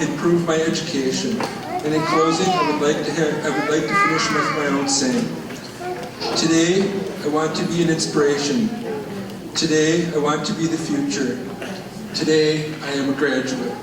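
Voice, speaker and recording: Middle-aged man, earnest graduate reading a speech, slightly high voice, far off in an echoing hall. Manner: earnest, reads steadily, clears throat often. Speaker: graduating student speaker. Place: large echoey hall. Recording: echoey hall from far off, noisy.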